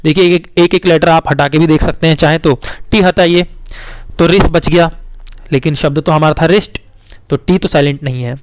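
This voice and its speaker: A male teacher patiently explaining spelling to young children, coaxing them along and repeating words slowly letter by letter. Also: fairly high pitch, fairly even intonation, no room sound. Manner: coaxing, addresses children as beta.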